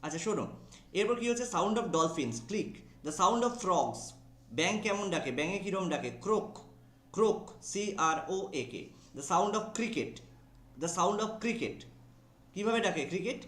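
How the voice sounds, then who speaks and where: A man's voice: high voice, lively intonation, measured pace, fairly bright tone, echoey room. A man teaching an exam vocabulary class with a Bengali accent, drawling key English words, spelling them out and often checking that students follow.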